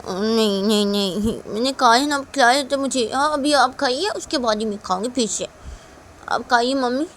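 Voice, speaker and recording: A woman's voice: fairly high pitch, moderate pace, a little hiss or hum, pitched above the performer's own voice, natural voice. A woman voicing a small daughter who pleads with her parents in a whiny, repetitive way, in a homemade story. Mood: insistent.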